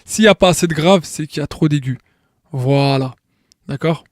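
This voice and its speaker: A tutorial maker with a fairly high voice talks at a normal speed in a dry, clean studio recording. His informal tutorial goes step by step, full of restarts and repeated words, and he keeps checking in with the viewer.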